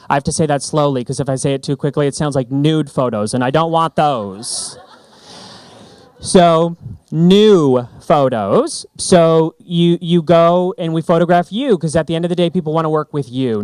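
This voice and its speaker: A man giving a lively, joking presentation on stage. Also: fairly high pitch, smooth, dry recording. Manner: animated, joking, emphatic. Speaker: branding speaker. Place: conference stage.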